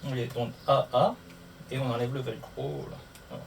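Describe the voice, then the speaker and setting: A motorcycle vlogger chats casually to camera during a hands-on tutorial, often muttering to himself as he works through each step. His medium-pitched voice swings widely in pitch at a normal speed, picked up by a distant mic with clear background noise.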